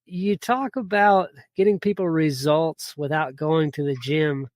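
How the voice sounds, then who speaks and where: An American podcast host runs a casual interview, upbeat and enthusiastic and often repeating words. His voice is on the high side with a darkish tone, a measured pace, and no room sound.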